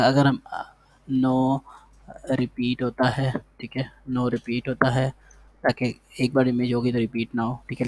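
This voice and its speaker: Male coding tutor, medium pitch, monotone delivery, casual think-aloud style. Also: dry recording. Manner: thinks aloud while typing, repeats words, talks to the code. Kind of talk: casual screen-share coding lesson.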